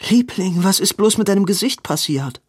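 A man voicing a hurried, flustered young woman, the hero's sister. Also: mid-range voice, lively intonation, breathy edge, no room sound, studio quality, voice pushed up. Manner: breathless, hurried pleading.

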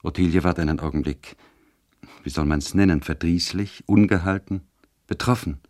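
A man narrating a classic novel as an audiobook, measured and literary. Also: sits low, a little mellow, no room sound, clean studio sound.

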